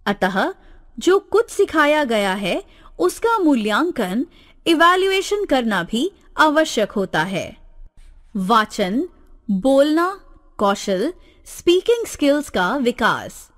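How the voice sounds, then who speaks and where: Woman, lesson reading, high and lively pitch, unhurried, deliberate. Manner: slow, deliberate, textbook reading. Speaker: teacher. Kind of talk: reading a grammar lesson aloud.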